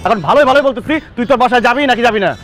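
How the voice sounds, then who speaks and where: An actor playing a young man trying to dodge marriage, exasperated and fast-talking, in a comic TV drama. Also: extremely high pitch, a bit bright, soft background music. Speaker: reluctant groom.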